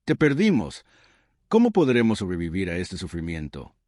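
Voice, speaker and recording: Sobbing storybook mother voiced by male narrator, high lament, dry sound. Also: wildly swooping pitch, moderate pace, a little mellow, no echo. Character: grief-stricken mother, sobbing.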